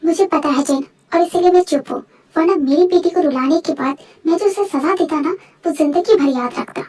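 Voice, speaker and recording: A woman's voice: high voice, a little fast, mellow, recorded from a distance, close to an everyday voice. A woman voicing a protective, hot-tempered middle-aged father in a fan voice-over drama. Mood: angry. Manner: stern, protective.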